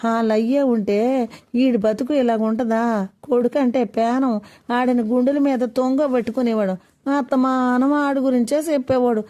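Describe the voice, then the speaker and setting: A woman's voice: a little high, steady tone, measured pace, mellow, pitched above the performer's own voice, close to an everyday voice. A woman voicing a poor village mother who pleads fearfully and mourns her husband. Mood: grieving. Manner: pleading, sorrowful.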